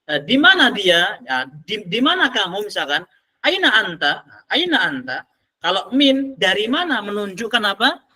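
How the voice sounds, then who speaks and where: A man leads an online Arabic lesson, calling on students and praising their answers. His voice sits high and sounds very bright and forceful. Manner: asks the class questions and praises answers. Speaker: Arabic teacher. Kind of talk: online class teaching.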